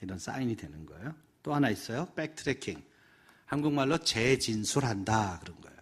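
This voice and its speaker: A middle-aged man leads a parenting seminar, his delivery lively and full of sweeping pitch. His voice has a husky grain, and he keeps slipping into acted-out voices to show his points. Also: brisk. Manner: animated, acts out examples in voices. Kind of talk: seminar lecture.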